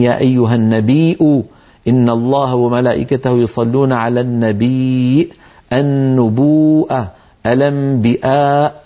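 Man, teacher, dark mellow tone, patient step-by-step explaining, lo-fi recording. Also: mid-range voice. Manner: explains slowly, repeats and defines terms. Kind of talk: religious lesson on slides. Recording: dull lo-fi sound.

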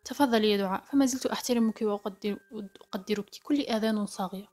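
A proud, sarcastic young male doctor in a storybook reading, as a woman reads him. He answers curtly and with a mocking edge, his lines pushed out at a quick clip. Soft music plays underneath. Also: on the high side, close to an everyday voice. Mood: composed. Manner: curt and mocking.

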